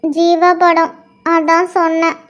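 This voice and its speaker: A woman's voice: very high voice, completely flat delivery, slow pace, a bit bright, highs cut off, full character voice. A woman voicing a feisty young female student who defiantly stands up to a bully, in a cartoon story. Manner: defiant, cheeky.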